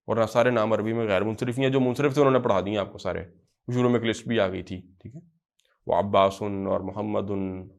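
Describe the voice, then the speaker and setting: Pakistani man drilling words slowly in class. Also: lowish voice, creaky. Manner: drills words slowly, then explains in quick asides; repeats phrases and checks understanding. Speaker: Arabic teacher. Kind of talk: classroom grammar lecture.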